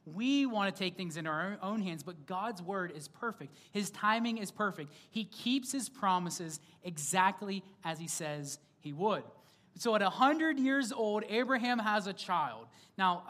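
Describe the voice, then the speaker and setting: A man's voice: sits high, fairly bright tone. A young man, a pastor, preaches a sermon in a loose, conversational way, joking and asking his listeners questions. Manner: conversational storytelling with humor, asks the audience questions. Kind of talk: sermon to a congregation.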